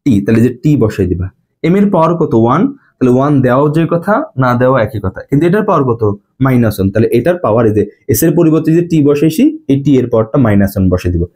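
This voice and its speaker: Young man, physics tutor, mellow husky voice, repeats himself, quizzes the class. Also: medium pitch, expressive, racing. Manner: repetitive, asks students check questions. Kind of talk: classroom lecture.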